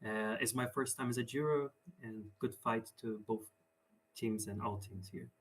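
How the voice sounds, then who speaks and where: A man's voice: mid-range voice, normal speed, fairly bright tone. Brazilian guy doing a juror intro, sounds far from mic. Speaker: juror and teacher. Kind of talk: self-introduction. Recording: distant from the microphone.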